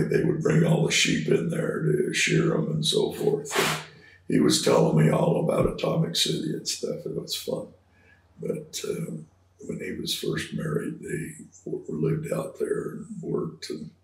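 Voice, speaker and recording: An older American man with a gravelly voice tells rambling, halting stories as an interview guest. His delivery is slow and his intonation swings widely. The recording is roomy, picked up at a distance through computer speakers. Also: low-pitched. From California Bay Area, USA. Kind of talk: casual reminiscing.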